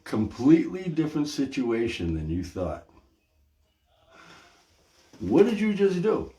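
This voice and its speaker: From an echoey hallway at home, with music playing, an older man hosts a casual livestream podcast through a phone or camera propped on a stand. He chats with viewers in an animated, folksy way, his voice on the high side and a little slow.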